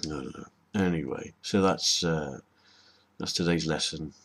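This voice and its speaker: A video host gives a casual spoken lesson to camera, rambling and hesitant with many ums and restarts. His voice rumbles low yet has a fairly bright tone, and he speaks a little slowly.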